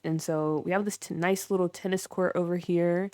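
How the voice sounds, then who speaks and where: Young woman streamer, casual chatty commentary, lowish smooth voice, dry close sound. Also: steady tone, normal speed, mellow, no room sound. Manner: chatty, filler-heavy, chats with viewers. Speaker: livestreamer. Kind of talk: casual livestream commentary while building in a game.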